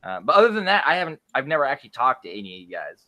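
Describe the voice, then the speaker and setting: A man's voice: mid-range voice, sing-song, very fast, bright, forceful tone. A man hosting a casual group video chat, chatty and stumbling over restarts.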